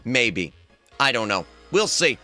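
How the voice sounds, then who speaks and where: A male streamer talks casually during a livestream, playful and rambling, humming to himself while sounding tired and strained in the throat. His mid-range voice is sing-song and sharp-toned, he takes his time, and faint music plays behind him.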